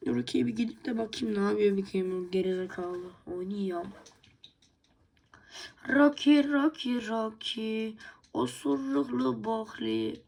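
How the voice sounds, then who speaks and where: A woman's voice: fairly high pitch, slow, gravelly, darkish tone. A woman hosting a casual let's play video, talking in a blunt, slangy and teasing way. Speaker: gaming video host.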